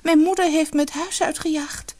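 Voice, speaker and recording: A woman voicing a sweet, meek younger daughter who speaks softly and politely. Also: high-pitched, sing-song, brisk, pitched above the performer's own voice.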